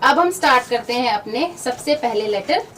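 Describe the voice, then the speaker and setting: A woman teacher giving a phonics lesson to children, explaining each letter sound slowly and patiently. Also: a little high, lively intonation, fairly bright tone. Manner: slow, drawn-out, patient explaining to kids. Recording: distant mic, faint background noise.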